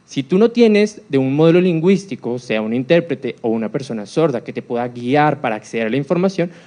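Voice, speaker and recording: A man's voice: mid-range voice, expressive, fairly quick, warm tone. Man quizzing a live audience. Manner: engaging, quizzes the audience with questions. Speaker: speaker on accessibility for deaf people. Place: university lecture hall.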